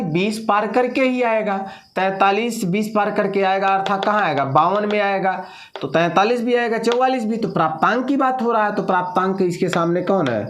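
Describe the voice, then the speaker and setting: A man teaching a math lesson, asking questions and answering them himself, repeating the numbers as he works through a problem. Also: high-pitched.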